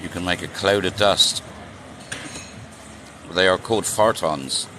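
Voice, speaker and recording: Deep-voiced and a little slow, a man in his sixties vlogs live while riding through city streets. He keeps the chat casual, joking and answering viewer questions, over traffic and street noise in a noisy outdoor recording.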